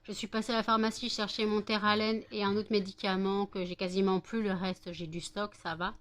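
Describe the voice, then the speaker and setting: A woman's voice: medium pitch, flat delivery, fairly quick, fairly bright tone. A French woman talking casually to her viewers from her home. She rambles through her day with plenty of hesitations and fillers. Now and then she raises her voice to scold her dogs. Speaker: vlogger. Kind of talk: casual daily vlog chat.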